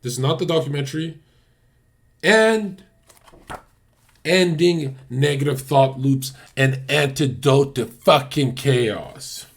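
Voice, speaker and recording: A man's voice: mid-range voice, slow pace, vocal fry. Man, livestream host, casual chat, blunt, heavy swearing, talks straight to viewers.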